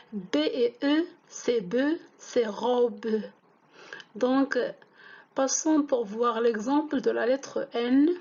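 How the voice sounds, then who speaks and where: A woman whose first language is Moroccan Arabic, teaching French reading, spelling out letters and syllables slowly and deliberately. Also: a little high, dark tone, lo-fi sound. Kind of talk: slow classroom-style reading lesson.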